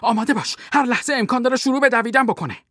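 A woman voicing an excitable male army captain who gives a tense, halting running commentary in an audiobook. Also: a little high, no room sound, clean studio sound. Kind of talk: audiobook role reading.

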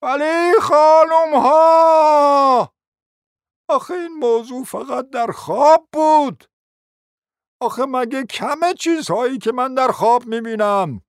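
A reader voicing a forgetful old prince who talks slowly and hesitantly, in a dry close recording. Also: mid-range voice, lively intonation, no echo, pitched above the performer's own voice, close to an everyday voice. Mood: bewildered. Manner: slow, hesitant, wandering.

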